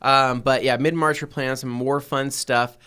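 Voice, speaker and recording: A man in his thirties hosts a casual podcast, talking in an easygoing, rambling way full of fillers. His voice sits at an ordinary middle pitch. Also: steady tone, normal speed, bright, forceful tone, clear, resonant tone. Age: 30s. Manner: laid-back, rambling with fillers. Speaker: podcast host.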